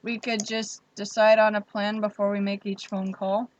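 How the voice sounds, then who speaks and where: A woman's voice: medium pitch, flat delivery, normal speed, slight background noise, low-quality recording. A young woman hosting a casual livestream, chatting freely and reading viewer comments aloud. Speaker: livestream host.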